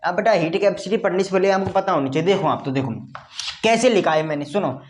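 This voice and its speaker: A man with a high-pitched voice talks fast while teaching an online lesson. He repeats each point several times in call-and-response fashion, answering for his own students and calling them "beta".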